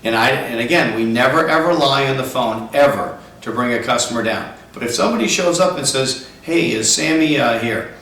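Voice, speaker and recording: Speaking a little fast, this man trains car salespeople, his medium voice carrying a slight brightness as he stresses each step of his lesson. Faint noise and an echoey room come through a far-off microphone.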